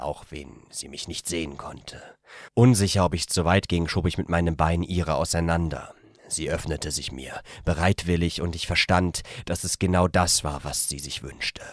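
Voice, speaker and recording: A man reading a story aloud in a plain, unpolished way, breaking off for quick asides. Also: rumbling low, fairly even intonation, no room sound, studio quality.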